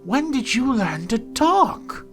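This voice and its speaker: A man voicing a gentle young male wizard in a storybook reading, wondering and a little breathless. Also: fairly high pitch, wildly swooping pitch, very slow, over music, exaggerated voice. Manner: wondering, questioning. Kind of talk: storybook narration.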